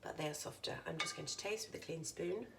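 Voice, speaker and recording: A home cook vlogger with a low, creaky voice talks fast and casually to the camera while cooking in her home kitchen, poking fun at herself as she demonstrates. A distant camera mic picks her up over loud kitchen noise, with frying, sizzling and stirring in the background.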